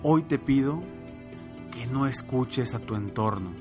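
A man, a motivational coach and podcast host, telling a fable in an animated, repetitive way. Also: mid-range voice, measured pace, over music. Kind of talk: motivational storytelling.

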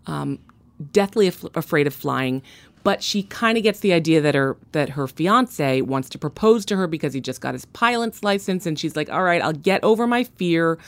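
A woman's voice: deep voice, lively intonation, moderate pace. A woman in casual podcast chat, telling a story with enthusiasm and acting out the characters' lines. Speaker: guest.

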